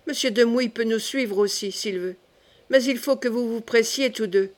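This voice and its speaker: A woman reading the part of a devoted young male gentleman who speaks urgently and pressingly. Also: fairly high pitch, normal speed, lightly acted. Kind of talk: audiobook character reading.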